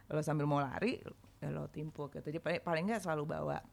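A woman's voice: deep voice, fairly even intonation, fast talker, gravelly, a little mellow. A woman performer chatting casually, telling candid stories with slang and fillers. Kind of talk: casual podcast chat.

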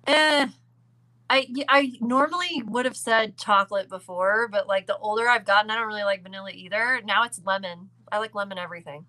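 A Southern American woman who owns a business appears as a podcast guest, answering questions in a playful, emphatic and opinionated way during a casual interview. Her medium-pitched voice is bright and forceful, and she talks briskly on a rough recording.

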